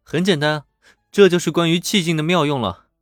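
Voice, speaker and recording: A man voicing a calm, patient young male mentor who reassures with light teasing. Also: on the high side, a little fast, no room sound, studio quality, faint music behind, voice pushed up, lightly acted. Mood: reassuring.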